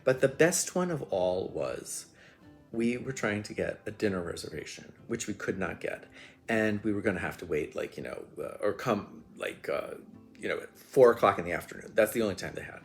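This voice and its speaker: A man's voice: fairly low pitch, animated, normal speed, darkish tone, faint music behind. A man hosting a show, telling a casual story full of "like" and "you know". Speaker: podcast host.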